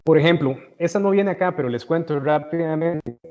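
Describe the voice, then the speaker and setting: A man's voice: a little high, a little fast, darkish tone, dull audio, faint music behind. A man with a Costa Rican accent giving a university tutoring lecture, chatty and conversational, often checking in with his students. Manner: conversational, frequent "¿verdad?" check-ins and restarts.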